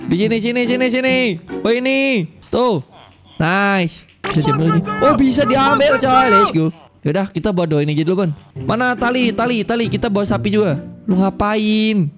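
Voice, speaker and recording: High-voiced young man yelling over game music. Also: lively intonation, fast. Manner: loud, swearing, jumpy, teasing his co-player. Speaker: gaming YouTuber. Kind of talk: excited casual Minecraft commentary.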